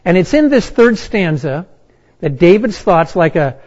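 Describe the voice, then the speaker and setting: A man preaching a sermon, reading and explaining scripture with slow, emphatic pauses. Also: high-pitched, very animated, darkish tone, muffled recording. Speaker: pastor.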